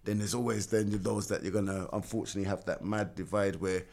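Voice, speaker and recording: A man's voice: lowish voice, steady tone, fast, creaky, a little mellow. A middle-aged man with a South London accent, telling his story casually in an interview, in informal, slangy speech. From London, England. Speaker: music label founder and youth mentor.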